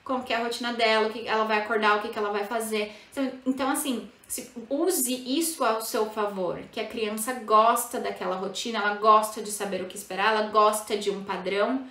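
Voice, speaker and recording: A woman with a Brazilian Portuguese accent talks parents through bilingual parenting in a relaxed, chatty way. She fills her talk with fillers and tag questions. Her voice sits high and sounds bright and crisp, and it echoes in a roomy space. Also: a little fast, few pauses. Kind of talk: casual explanatory talk to parents.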